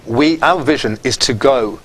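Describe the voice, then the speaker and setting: A middle-aged man answering interview questions, earnest and halting, often repeating words. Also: medium pitch, a little hiss or hum, rough recording. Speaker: football association official.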